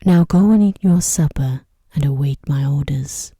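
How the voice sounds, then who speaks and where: A stern male beast from a bedtime fairy tale, voiced by a woman. The voice is very mellow and hushed, with a breathy grain and a very dry, close sound. It gives grim, angry commands softly. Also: low-pitched, moderate pace, no echo. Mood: grim, commanding. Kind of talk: bedtime storybook reading.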